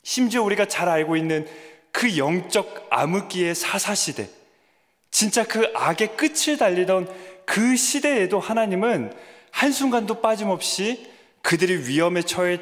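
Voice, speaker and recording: A man preaching a sermon as a junior pastor, questioning his listeners and building to emphatic peaks. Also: on the high side. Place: church sanctuary. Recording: long church reverb.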